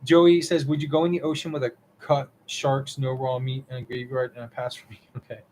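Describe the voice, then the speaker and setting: A young man in a casual live stream Q&A, reading out viewer messages one after another. His voice sits at an ordinary middle pitch, and he rambles with plenty of ums. A faint hiss runs under it. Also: flat delivery, fairly quick, a little mellow, low-quality recording. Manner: rambling, reads chat messages aloud, many ums. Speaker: co-host of a witchcraft live stream.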